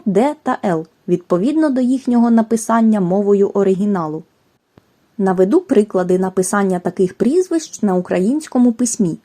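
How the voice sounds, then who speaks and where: A woman giving a scripted language lesson, reading rules and examples in a careful, measured way. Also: medium pitch, warm tone. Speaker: language teacher. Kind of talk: scripted educational narration.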